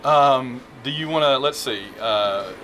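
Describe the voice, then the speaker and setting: A man's voice: mid-range voice, slow pace, fairly bright tone. A man co-hosting a football show, playful and jokey. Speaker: football podcast co-host. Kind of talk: casual sports banter. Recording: live show with crowd behind. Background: crowd noise.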